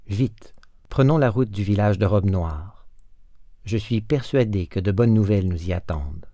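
A man reading the part of a sorrowful young woman from a storybook, humble and resigned yet still hopeful. The voice stays low and dark, in a dry recording. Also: moderate pace, no echo, lightly acted. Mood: eager.

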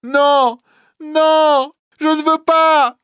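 A man's voice: mid-range voice, fairly even intonation, moderate pace, a bit bright, no echo, clean studio sound, pitched above the performer's own voice, lightly acted. A man reading a story aloud, voicing a frightened young woman who defies her captors and begs for her life. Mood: terrified pleading. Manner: defiant, then terrified pleading.

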